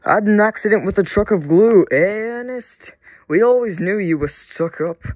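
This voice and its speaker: A loud, teasing rival who jeers at a stuck engine, as a man puts him on. The voice is raised in pitch and volume, recorded close and dry for a comic storybook parody. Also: fairly even intonation, a little slow, no room sound. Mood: mocking. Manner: jeering, loud. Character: mocking teasing male railway rival.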